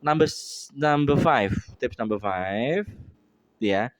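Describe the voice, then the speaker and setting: Indonesian man, mid-pitch, teaching with a stuffy runny nose, code-switching with tag "ya", dry room. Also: expressive, slow, dry recording. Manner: mixes Indonesian and English, frequent tag "ya". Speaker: English teacher. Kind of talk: bilingual speaking lesson.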